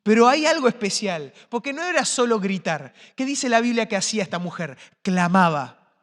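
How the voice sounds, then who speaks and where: Male pastor, high voice, impassioned sermon, long church reverb. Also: sing-song, moderate pace. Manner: impassioned, rising to shouts then dropping to quiet. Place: church sanctuary.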